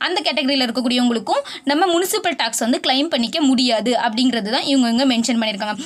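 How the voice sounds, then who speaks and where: A woman tutor explaining tax rules in a video lesson, mixing English legal terms into her talk and restating each point in plain words. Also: high-pitched. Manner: mixes English legal terms into Tamil, reads rule text slowly.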